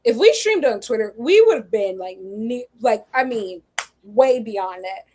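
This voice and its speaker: This is a woman in her twenties co-hosting a laid-back charity stream. Her voice sits well above the usual range, and she talks in an animated, slangy way with laughter never far off. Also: a little high, unhurried, a little hiss or hum. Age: 20s. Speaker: co-host. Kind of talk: casual charity stream chat.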